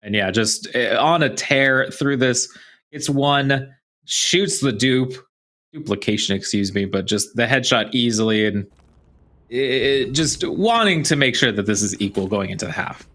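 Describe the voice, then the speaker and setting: A man calling live play-by-play of an esports match in halting bursts, repeating phrases as the action unfolds. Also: mid-range voice, animated, a bit bright. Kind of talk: live play-by-play game commentary.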